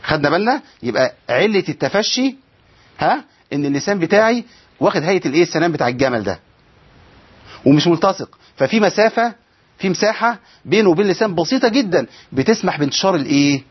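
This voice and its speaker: A man's voice: sits high, expressive, fast, slightly rough. A man with an Egyptian Arabic accent teaching a tajweed lesson, asking the class questions and answering them himself while drawing out sounds to show how letters are made. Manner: stretches out sounds to demonstrate letters. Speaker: Quran recitation teacher. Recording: dull lo-fi sound.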